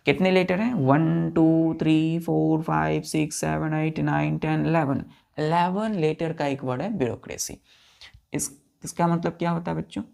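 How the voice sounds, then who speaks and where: A man's voice: a little high, fairly even intonation, a little slow, gravelly, a little mellow. A man teaching English vocabulary for exam prep, explaining patiently, repeating key words, spelling them out letter by letter and checking that students follow.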